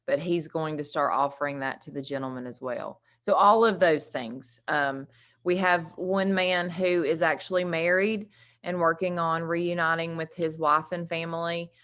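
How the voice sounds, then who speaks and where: A woman's voice: sits low, normal speed, a bit bright. A woman with a Southern US drawl, giving an informal presentation as director of a recovery program in an earnest, emphatic way. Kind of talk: informal presentation on an online meeting.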